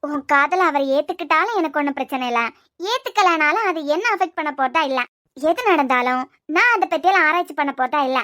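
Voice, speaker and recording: A woman's voice: high-pitched, expressive, quick pace, pushed and bright, no echo, clean studio sound. A woman with a Kanyakumari Tamil accent, voicing a teasing, blunt young female friend in a cartoon series. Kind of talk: cartoon web-series voice acting.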